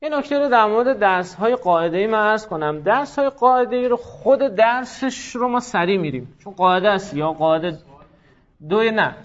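High-voiced man teaching a class, lo-fi. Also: lively intonation. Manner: quizzing students, brisk explanations, frequent praise. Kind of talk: classroom lesson with student drills.

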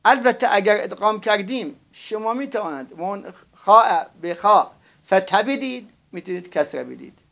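A man teaching a grammar lesson, spelling out words slowly and asking his students to confirm they follow. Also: high-pitched, animated, vocal fry, fairly bright tone. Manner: slow, drawn-out spelling of words, asks class to confirm.

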